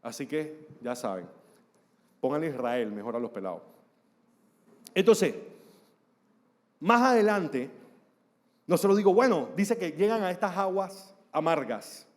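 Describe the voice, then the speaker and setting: A man's voice: a little high, sing-song, a little slow, long pauses. A man preaching a sermon as pastor, telling the story with humor and acting out the voices of people in it. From Panama. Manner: storytelling with humor and acted-out dialogue. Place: large church hall. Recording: long hall reverb.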